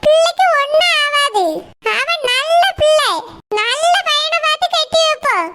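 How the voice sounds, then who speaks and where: Cartoon woman, calm and reassuring, very high and bright. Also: full character voice. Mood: consoling. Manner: soothing, reassuring, measured. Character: calm consoling younger sister-in-law. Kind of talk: cartoon voice acting.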